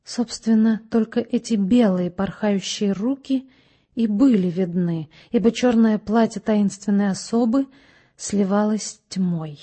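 Female audiobook narrator, measured and expressive, with a dark, husky voice. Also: medium pitch.

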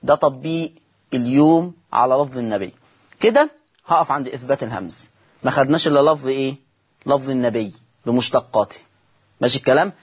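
A man's voice: mid-range voice, fast, long pauses, husky. A man with an Egyptian accent teaching Quran recitation on a broadcast lesson, drawing out recited words and quizzing his listeners. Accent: Egyptian Arabic.

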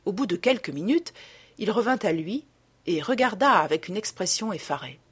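A woman narrating a classic novel as an audiobook, in an expressive storytelling manner. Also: mid-range voice, normal speed, husky. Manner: expressive storytelling, hushed tags. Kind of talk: scripted narration.

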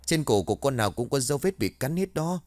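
A man's voice: medium pitch, very animated, fast, darkish tone, no room sound, pitched above the performer's own voice, natural voice. A man voicing an anxious middle-aged farmer's wife in a village story. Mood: alarmed. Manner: anxious, pleading.

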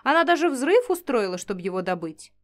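A man's voice: extremely high pitch, big pitch swings, brisk, fairly bright tone, exaggerated voice. A woman reading an audiobook, voicing a young blond male swordsman who teases slyly. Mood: teasing. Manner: teasing, sly.

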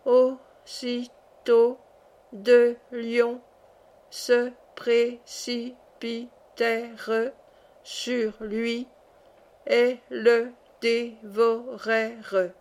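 Woman doing a little orphan girl reading out loud, super slow, syllable by syllable, serious, a bit high. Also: flat delivery. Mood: grave.

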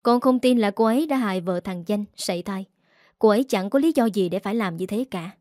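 A woman's voice: medium pitch, a little fast, darkish tone, no echo, clean studio sound, lightly acted. A woman voicing a stern young husband who questions coldly. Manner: cold, demanding.

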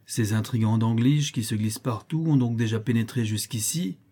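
A man's voice: mid-range voice, normal speed, warm tone, husky, close to an everyday voice. A man voicing an indignant French sailor in a read-aloud adventure story, asking pointed questions.

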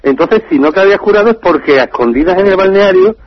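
A man telling a story on a radio show in a lively, joking way. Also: high voice, fast, dry recording. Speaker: radio contributor. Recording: dull, dry radio line.

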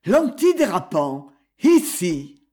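The narrator reading the lines of an excitable male police inspector in an audiobook, speaking in startled exclamations. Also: medium pitch, a little slow.

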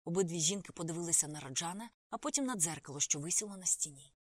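A woman reading an audiobook, narrating a first-person story in a steady way. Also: lowish voice, quick pace, no echo, clean studio sound. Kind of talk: scripted narration.

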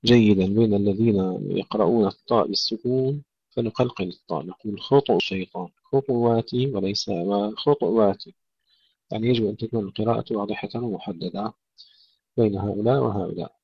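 A man teaching Quran recitation rules in a tajweed lesson, deliberately repeating words to model the correct pronunciation. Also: lowish voice, vocal fry, husky, no echo, muffled recording.

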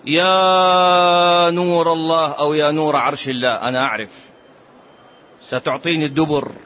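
A man preaching a mosque sermon with impassioned pleading, moving between loud exhortation and soft appeals. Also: high voice. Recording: muffled lo-fi recording with faint background noise.

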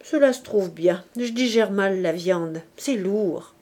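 A woman reading aloud and voicing a poor, frail old man in his eighties who gives quiet, resigned, short replies. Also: medium pitch, takes it slowly.

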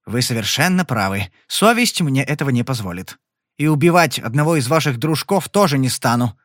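A man voicing a cool, sarcastic young male cardsharp in a Western audiobook, smooth-talking and mocking. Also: mid-range voice, animated, a little fast, a bit bright, no room sound, clean studio sound, lightly acted.

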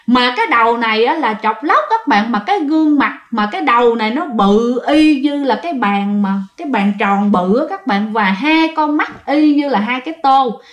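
Chatty Southern Vietnamese woman who tells ghost stories and talks to her listeners; fairly high voice, echoey room. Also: expressive, normal speed, few pauses, highs cut off. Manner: chatty, addresses listeners directly. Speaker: ghost story narrator. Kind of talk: casual spoken storytelling.

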